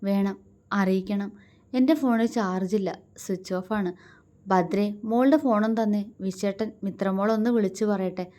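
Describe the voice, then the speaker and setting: A woman voicing a gentle young man in a storybook who comforts others with a voice that keeps breaking. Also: medium pitch, fairly even intonation, moderate pace, close to an everyday voice. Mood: grieving, comforting. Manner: soft, voice breaking.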